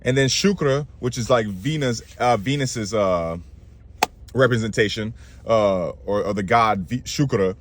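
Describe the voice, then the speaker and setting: A man's voice: fairly low pitch, unhurried, background noise. A man casually retelling a myth in slangy, rambling talk, often correcting himself. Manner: slangy, self-interrupting, lively. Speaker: astrology channel host.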